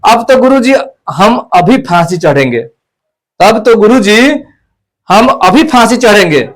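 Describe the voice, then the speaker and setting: A man's voice: sits high, lively intonation, unhurried. Brief: frightened young disciple, wailing pleas, read by a male teacher. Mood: insistent. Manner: wailing, pleading.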